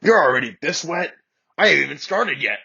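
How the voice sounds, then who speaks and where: A man's voice: medium pitch, a little slow, creaky, pushed and bright, slightly rough, muffled recording, heavily acted. A man playing cocky Bakugo, smug and teasing. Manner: smug, mock-seductive.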